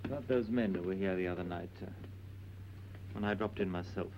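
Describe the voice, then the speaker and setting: A man's voice: low-pitched, brisk, a little mellow, slight background noise, rough recording. An actor playing a polite, businesslike male investigator in an old film, courteous and understated as he probes. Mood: courteous, frank. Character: polite, businesslike plainclothes investigator, quietly probing.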